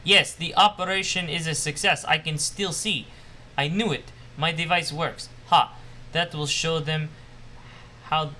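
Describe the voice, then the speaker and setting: A man's voice: a little high, fairly even intonation, a little slow, pushed and bright, a little hiss or hum. A man voicing a bitter, obsessive male scientist losing his mind, ranting and paranoid in a put-on Russian accent. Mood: triumphant. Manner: ranting, paranoid, self-pitying.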